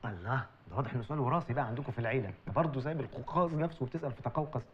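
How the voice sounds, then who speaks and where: Egyptian man, sarcastic wisecracks, very fast, slightly high voice, dull film audio. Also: slight background noise. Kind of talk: film comedy dialogue.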